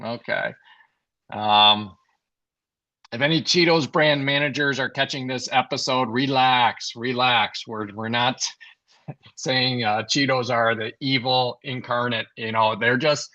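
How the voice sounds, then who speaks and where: A male host chats loosely and laughs easily. His voice is bright and forceful, and the call audio comes through dull and lo-fi. He speaks at a middle pitch. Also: unhurried. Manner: relaxed, laughs easily, many fillers. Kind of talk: casual podcast chat.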